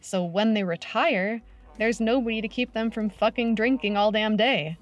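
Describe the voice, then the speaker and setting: A woman's voice: fairly high pitch, normal speed. A woman giving a brash, sardonic, heavily profane comedic reading of a modern paraphrase of old letters. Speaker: reader.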